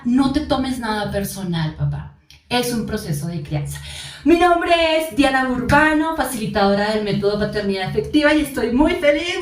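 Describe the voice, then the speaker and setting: A woman parenting coach talks earnestly, directly addressing moms and dads in a podcast. Her voice sits a bit high. It is heard from some distance in a roomy, echoing space. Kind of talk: parenting advice podcast monologue. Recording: echoey room, distant mic.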